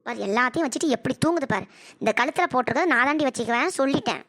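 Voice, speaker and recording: A woman's voice: high-pitched, lively intonation, rapid-fire, a bit bright, no room sound. A woman voicing a brash, scheming elder daughter-in-law in a cartoon comedy. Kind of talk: cartoon voice acting.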